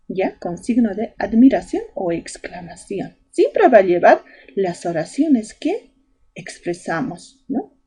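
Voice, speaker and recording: A woman's voice: medium pitch, dark tone, breathy edge. A woman teaching a grammar lesson to young children, explaining step by step and checking in with "¿ya?" and "¿no?" after each point. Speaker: primary school teacher.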